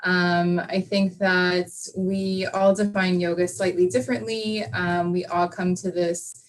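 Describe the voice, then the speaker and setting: Over a video call, a female yoga teacher leads a live online class, softly guiding a reflection at a measured, unhurried pace. Her fairly low-pitched voice has a flat delivery, and she uses many fillers.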